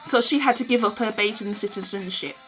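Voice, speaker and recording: Poor audio with soft background music captures a medium-pitched, slightly bright voice speaking a little fast. It's a roughly thirty-year-old British vlogger talking casually to camera in a room at home, phone at arm's length. She's blunt, opinionated and emphatic, repeating phrases for emphasis and swearing.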